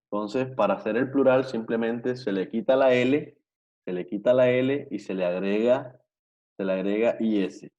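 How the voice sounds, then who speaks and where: Lowish-voiced man teaching, muffled lo-fi audio. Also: darkish tone. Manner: patient, repetitive, checks understanding with frequent tag questions. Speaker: Portuguese teacher. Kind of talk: online language lesson.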